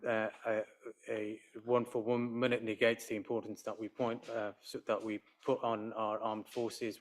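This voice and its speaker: A man answering as a councillor in a formal council debate, halting, with frequent restarts. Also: lowish voice. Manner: halting, many fillers and restarts. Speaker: councillor presenting a strategy.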